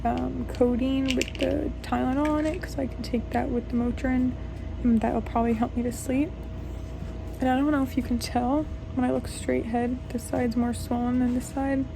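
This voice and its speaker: Young female vlogger with a sore, stiff jaw; flat intonation, creaky voice, casual update. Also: a little high, noisy background. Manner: talks with a sore jaw, mouth not opening fully. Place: bedroom at home.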